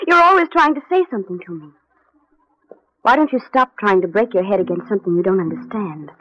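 A woman's voice: medium pitch, expressive, fast talker, no room sound, lightly acted. A woman playing a fond, patronizing sweetheart. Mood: tender. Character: tender, indulgent young woman, gently patronizing. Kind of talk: 1940s radio acting. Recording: dry, dull old radio recording.

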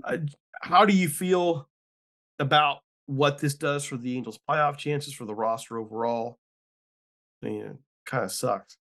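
A man's voice: mid-range voice, unhurried, fairly bright tone. A man leads a casual sports podcast chat in a loose, chatty way. His voice sits in a middle register, and he restarts his sentences as he goes. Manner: chatty, loose, self-correcting. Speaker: podcast host.

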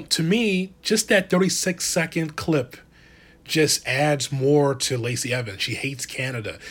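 Guy ranting about wrestling, sarcastic, kinda fed up, mid pitch. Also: breathy edge. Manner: sarcastic, exasperated, animated. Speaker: wrestling commentator. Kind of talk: casual opinion monologue.

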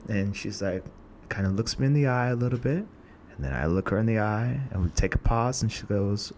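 A young man with a lowish voice tells a personal story in an earnest, reflective way. He takes his time and pauses often as he thinks. A faint hiss of background noise sits under the recording. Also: a little mellow. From Portland, USA. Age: young adult. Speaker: singer telling his story.

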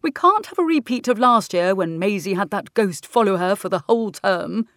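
A woman voicing a stern, exasperated middle-aged male schoolteacher who talks in a brisk, scolding way. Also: mid-range voice, expressive, fairly bright tone, no echo, clean studio sound.

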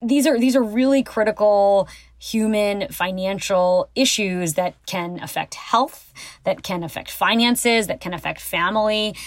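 A woman's voice: mid-range voice, no room sound. A woman expert answering in an interview, with a mid-range voice and a dry recording. She explains things as a researcher and lawyer would to a host.

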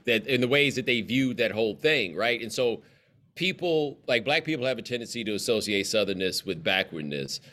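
In a casual conversation, a guest in his forties from the American South tells stories expansively, idiomatically and emphatically, in a Southern accent. His mid-range voice has lively intonation, a fairly quick pace, and a pushed, bright quality.

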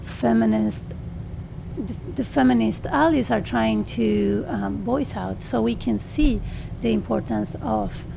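A heavily creaky, fairly high-pitched woman's voice with an Argentine Spanish accent. She talks in hesitant non-native English, reaching for words in an interview, over faint background noise. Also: slow. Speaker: radio interview guest, artist and educator. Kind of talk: interview conversation. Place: radio studio.

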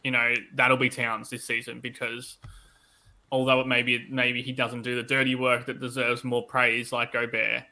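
Male sports podcast co-host, very bright forward tone, conversational and analytical, voice touched by tonsillitis. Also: medium pitch, monotone, moderate pace. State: tonsillitis-affected voice that comes and goes. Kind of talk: casual sports podcast chat.

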